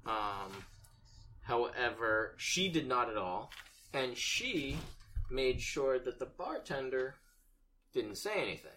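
A man narrating as game master of a tabletop role-playing game, casual and hesitant, with many pauses and ums. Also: medium pitch, sing-song, bright, forceful tone, a little hiss or hum.

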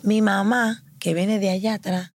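A woman casually telling a story in a lively way, acting out what others said. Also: medium pitch, a little slow, gravelly, no echo, clean studio sound. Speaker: guest.

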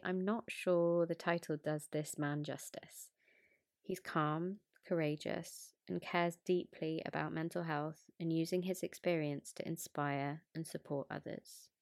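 A woman's voice: low voice, vocal fry, darkish tone, no room sound, studio quality. A woman hosting a self-development podcast, reading a scripted guest introduction and then chatting. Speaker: podcast host. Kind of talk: podcast interview.

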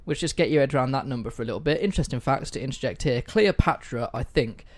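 Speaking fast and expressively at a medium pitch, this man hosts a laid-back history podcast from his home, where pets wander and food sits on the table. His humor is self-deprecating, he curses casually here and there, and the mic quality is poor.

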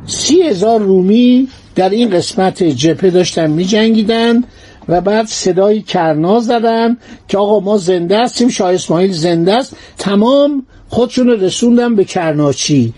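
A male storyteller recounting history with lively narration that slides between formal and colloquial phrasing. His voice sits high for a man yet sounds warm and mellow.

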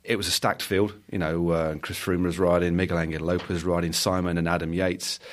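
A cycling commentator joins a podcast chat as a guest and talks with warm enthusiasm. His voice is very low, and he rattles along at a fast pace. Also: little pitch movement. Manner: chatty, enthusiastic. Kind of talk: casual chat.

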